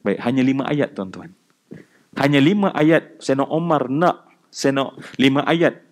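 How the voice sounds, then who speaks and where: A man's voice: medium pitch, animated, moderate pace. A man with a Malaysian Malay accent giving a religious lecture, telling a story dramatically and acting out quotes. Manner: dramatic storyteller, voices quotes and chants Arabic verses. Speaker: preacher.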